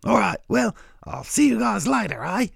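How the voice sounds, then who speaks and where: A man voicing a cheerful, matey crow with an Australian accent, explaining things in casual tradesman-like slang with a gravelly, raspy voice. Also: high-pitched, very animated, moderate pace, dry recording, clean studio sound, full character voice. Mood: chatty, matey. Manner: blokey, casual tradesman-like slang and folksy asides. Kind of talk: scripted comic educational dialogue.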